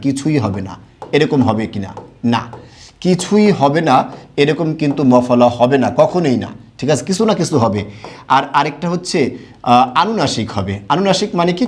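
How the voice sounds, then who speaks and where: Man from Bangladesh, grammar teacher, animated pitch, asks and answers his own questions. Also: a little fast. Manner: asks rhetorical questions and answers them himself. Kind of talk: online grammar lesson.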